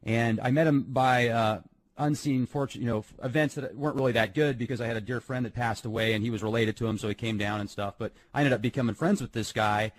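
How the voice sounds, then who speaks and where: A man's voice: medium pitch, fast, no echo, low-quality recording. A man hosting an interview, chatting casually and telling a heartfelt personal story with some emotion. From United States. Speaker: interviewer host.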